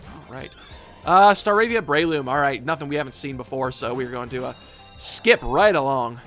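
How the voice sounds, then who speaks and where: Animated man rambling through gameplay commentary. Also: mid-range voice, normal speed, soft background music. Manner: rambling, filler-heavy and joking. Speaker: video game let's player.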